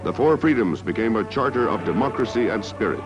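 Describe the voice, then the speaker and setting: On the music-backed soundtrack of a dull, lo-fi 1960s newsreel, a man narrates in a declamatory, stately style. His voice is on the low side, with lively intonation and a slightly fast pace.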